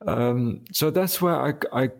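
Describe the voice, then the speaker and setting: German man with a gravelly voice. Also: medium pitch. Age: 50s. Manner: halting, many restarts and fillers. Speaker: guest, industrial designer. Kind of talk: casual interview.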